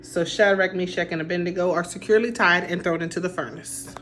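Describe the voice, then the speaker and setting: A woman's voice: on the low side, quick pace, soft background music. Chatty young woman retelling a Bible story. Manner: chatty, colloquial, animated emphasis. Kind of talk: casual storytelling while doing makeup.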